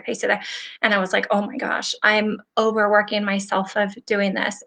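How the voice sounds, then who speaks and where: A middle-aged woman hosting a casual live stream, talking straight to her viewers in an earnest, chatty way and laughing often. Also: medium pitch. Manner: animated, with frequent laughter. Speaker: host of a live stream for nail professionals.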